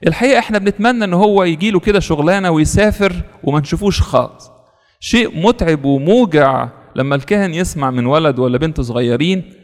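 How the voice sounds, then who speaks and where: Fast-talking Egyptian priest preaching. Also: male voice, a little high, lively intonation, long reverb tail. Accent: Egyptian Arabic. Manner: storytelling, earnest, repeats words for stress. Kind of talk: sermon with a story.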